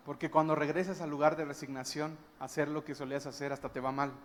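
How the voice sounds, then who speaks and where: A man delivers a sermon, telling the story with emphasis and pausing for awed exclamations. His voice sits a little higher than most men's. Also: flat delivery, slight background noise. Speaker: guest pastor.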